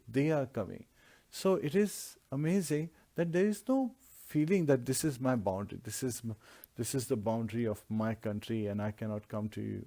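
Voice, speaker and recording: With a mellow, medium-pitched voice, a man teaches a devotional scripture class. He breaks down Sanskrit verses one word at a time, preaching earnestly and returning to repeated lists.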